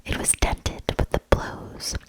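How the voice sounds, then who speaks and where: Reading a storybook aloud for ASMR, a woman keeps to a breathy whisper, gentle and unhurried, letting short phrases trail into pauses. The recording quality is low.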